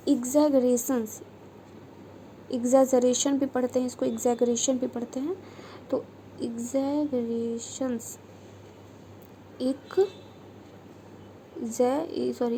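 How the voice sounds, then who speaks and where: High-voiced woman teaching shorthand real slow, says each word twice or thrice. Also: dark tone, a little hiss or hum, rough recording. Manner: slow, repeats each word while demonstrating. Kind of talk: instructional lesson.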